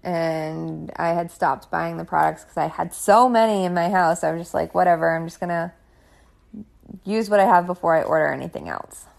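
Gravelly-voiced chatty young woman. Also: lowish voice, moderate pace. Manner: chatty, says "like" constantly, frustrated asides. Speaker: storyteller recounting her own experience. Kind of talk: casual personal story.

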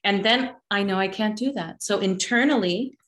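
A woman's voice: mid-range voice, normal speed, fairly bright tone. A middle-aged woman from the Dominican Republic, talking earnestly about her life as a guest in a conversation, laughing often. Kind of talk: personal conversation. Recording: echoey room.

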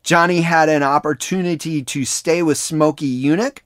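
A man with a somewhat high voice narrates a sports history podcast from a prepared script. He speaks in a measured way. The recording is dry and close. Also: steady tone, dry recording. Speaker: podcast host.

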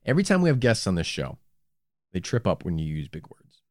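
A man's voice: deep voice, huge pitch swings, fairly quick, dry recording, clean studio sound. An American man co-hosting a comedy podcast in casual, goofy, sweary banter.

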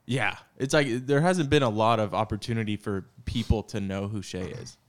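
A man's voice: lowish voice, moderate pace. A male podcast co-host who teases and jokes in casual sports chat. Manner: playful, teasing.

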